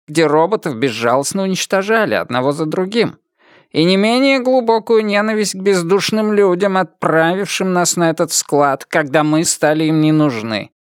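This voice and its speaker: A man doing an earnest high-voiced robot cat. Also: clean tone, dry recording, clean studio sound. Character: male robot cat pirate with feelings.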